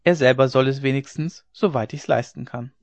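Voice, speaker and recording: A man voicing an earnest young male dike master who speaks with firm, warm assurance, on a dry, dull lo-fi recording. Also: mid-range voice, normal speed, vocal fry, no room sound, close to an everyday voice. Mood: reassuring.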